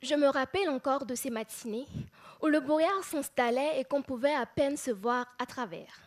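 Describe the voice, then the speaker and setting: A woman's voice: high-pitched, expressive, moderate pace. A woman contestant giving a lyrical, oratorical speech in praise of her home region. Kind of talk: declaimed speech praising a hometown.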